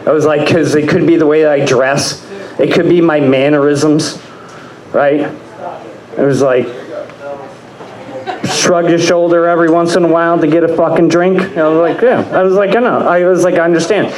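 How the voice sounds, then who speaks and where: A man's voice: on the high side, fairly even intonation, moderate pace. A man doing a stand-up comedy set on a club stage, rambling and crude, often laughing at his own jokes. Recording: echoey club room.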